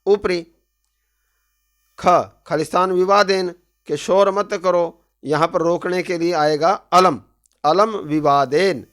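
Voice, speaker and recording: Slow, high-pitched male teacher. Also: fairly even intonation. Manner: reads each phrase, then explains it plainly; calls out drill words loudly one by one. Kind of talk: line-by-line textbook translation lesson.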